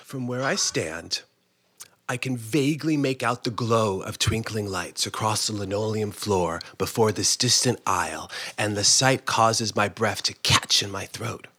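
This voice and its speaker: Speaking a little slowly in a fairly low, sharp-toned voice, a male performer narrates a comic story dramatically. He voices each character as he goes and chuckles now and then.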